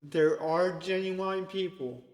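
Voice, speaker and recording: A man's voice: high-pitched, slow, a little mellow. A man preaching an informal sermon in a conversational way, often checking in with "okay?". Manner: conversational, repeatedly asks "okay?". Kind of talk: informal sermon to an online group. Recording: echoey long reverb.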